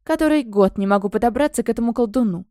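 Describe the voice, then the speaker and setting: A woman voicing a stern male temple priest who speaks calmly, coldly and curtly in an audiobook. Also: fairly high pitch, fast, no echo, clean studio sound, close to an everyday voice. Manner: cold, calm, curt.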